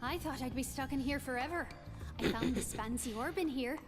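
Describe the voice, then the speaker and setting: A woman's voice: high-pitched, brisk, over music, close to an everyday voice. A woman voicing a bubbly young female faun in a video game, with a Valley Girl accent. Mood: relieved, grateful. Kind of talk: video game character acting.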